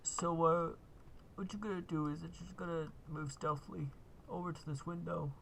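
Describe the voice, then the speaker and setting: A man's voice: fairly high pitch, steady tone, normal speed, creaky, fairly bright tone, slight background noise. A man giving a laid-back, casual gameplay walkthrough, full of uh and kinda. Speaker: gaming video host.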